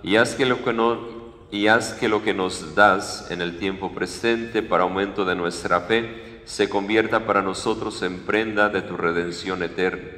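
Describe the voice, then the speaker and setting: A male priest leading Mass at the altar, reciting prayers in a measured, solemn way. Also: low-pitched, steady tone, bright, forceful tone. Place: large church sanctuary, at the altar. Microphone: far fixed camera, room mic. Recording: echoey church with long reverb.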